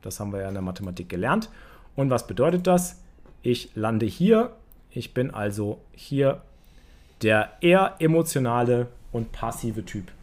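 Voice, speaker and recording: Chatty man teaching, mellow voice. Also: mid-range voice, big pitch swings, moderate pace. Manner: chatty, many fillers, addresses viewers directly. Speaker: poker coach. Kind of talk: casual online lesson at a drawing board.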